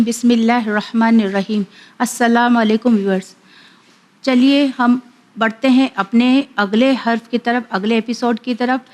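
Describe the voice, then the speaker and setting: Woman, high pitch, Pakistani Urdu accent, patient children's Quran reading teacher who drills each letter pair twice, slowly and clearly. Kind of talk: slow syllable-by-syllable recitation lesson.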